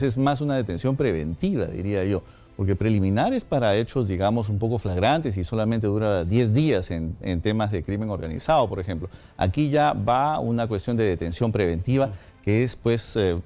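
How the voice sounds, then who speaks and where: Mellow-voiced legal analyst. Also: male voice, fairly low pitch. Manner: measured, explains with frequent "eh" pauses. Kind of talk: explanatory interview answers. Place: radio studio.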